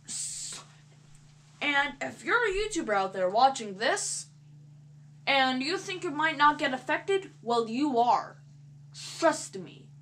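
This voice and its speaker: Woman, gaming vlogger, casual chat, stuttering, halting delivery, slow pace. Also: high-pitched, sing-song, fairly bright tone. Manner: hesitant, stuttering, restarts sentences. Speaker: gaming YouTuber. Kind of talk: casual vlog talk while playing a game.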